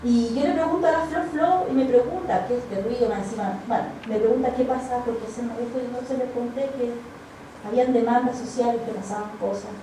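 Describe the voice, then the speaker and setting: A Chilean woman giving a personal testimony at church, telling her story in a lively way and acting out the dialogue. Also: on the high side, fairly quick, slight background noise. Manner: animated storytelling, acts out quoted dialogue. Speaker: church speaker. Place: church hall. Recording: very echoey hall, voice far from the mic.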